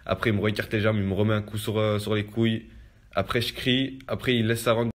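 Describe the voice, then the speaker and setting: A young man tells his story in a rapid, low-pitched voice. He speaks in loose street slang and keeps coming back to fillers as he talks. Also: flat delivery. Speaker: storyteller recounting a personal ordeal. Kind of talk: casual spoken testimony.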